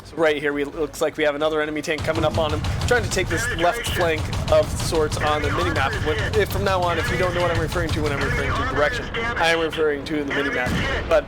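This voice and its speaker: A man's voice: fairly high pitch, quick pace, over loud music. Man commenting over poor-quality headset audio. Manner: rambling, self-correcting. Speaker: gameplay commentator. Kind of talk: casual tank game commentary. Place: recorded on the go.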